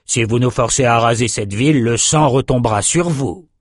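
A man's voice: mid-range voice, normal speed, dry recording, clean studio sound, close to an everyday voice. A man voicing a cold, commanding male raider captain who gives clipped, menacing orders, in a storybook reading.

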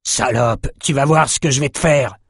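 A man's voice: medium pitch, normal speed, slightly rough, dry recording, studio quality, pitched above the performer's own voice, natural voice. A man reading an audiobook, voicing a brutish, coarse male sailor who barks crude lines. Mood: enraged. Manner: crude, barking. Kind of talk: audiobook character voice.

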